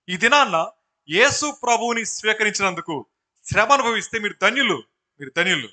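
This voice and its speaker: A male pastor preaching a sermon, rising to loud bursts and putting questions to the congregation. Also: on the high side.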